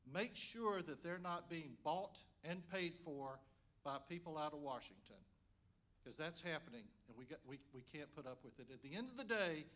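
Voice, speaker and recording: A man's voice: on the high side, animated, moderate pace, fairly bright tone. A man, a candidate, giving an earnest speech that urges voters directly at an indoor forum event. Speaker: congressional candidate.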